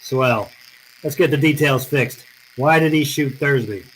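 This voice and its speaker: An actor playing a tough, cool private detective in an old-time radio drama, speaking in blunt, clipped slang. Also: male voice, mid-range voice, a little slow, fairly bright tone, slight background noise, natural voice, low-quality recording. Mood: cool, defiant.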